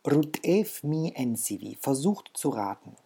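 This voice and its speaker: A man's voice: mid-range voice, big pitch swings, a little slow, gravelly, warm tone, a little hiss or hum. A man teaching a language course, patiently explaining and repeating example words for his learners.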